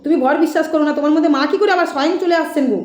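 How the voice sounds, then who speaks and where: A woman's voice: high-pitched, racing, echoey room. A woman giving a scolding, mocking monologue aimed at a rival, sometimes mimicking her words. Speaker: social media commentator. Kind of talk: critical monologue addressed to a rival.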